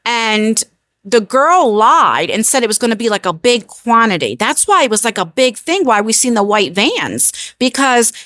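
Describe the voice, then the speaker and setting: A woman's voice: a little high, big pitch swings, normal speed, a bit bright, no echo. An American woman telling a personal story as a casual storytime vlogger, chatty and emphatic, repeating phrases and checking in with the listener.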